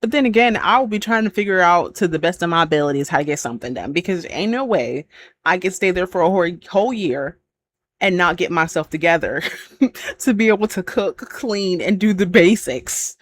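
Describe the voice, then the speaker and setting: A woman's voice: on the low side, animated, fairly quick, no echo. A woman hosting a reaction video, chatting casually, exclaiming and laughing often as she reacts.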